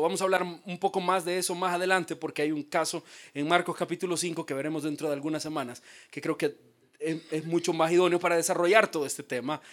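High-voiced preacher swinging hushed to loud. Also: male voice. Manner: dramatic, acts out quoted voices, swings from hushed to shouted. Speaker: pastor. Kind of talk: sermon.

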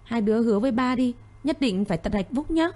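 A woman voicing a frail, loving old father in an audio story. She speaks in her own mellow voice, warm and earnest. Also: medium pitch, expressive, normal speed, lightly acted. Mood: tender urging.

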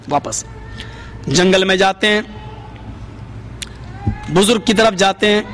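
Picture a high-pitched man preaching to a seated gathering, spinning a story in sermon form. He grows dramatic and lifts his voice whenever he quotes someone. A faint hum of noise sits under him. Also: a bit bright. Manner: dramatic, voice rising for quoted speech. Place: gathering before a seated audience.

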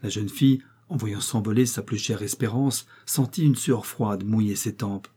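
Give me a man narrating a historical romance in a measured, expressive way. The voice is warm and dark, with a soft husk. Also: lowish voice, breathy edge. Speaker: audiobook reader. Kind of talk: dramatic novel reading.

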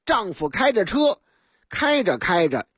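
A woman's voice: mid-range voice, sing-song, measured pace, breathy edge, no room sound, clean studio sound. A woman with a Beijing accent telling a comic story on the radio, chatty with playful asides to the listener. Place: radio studio.

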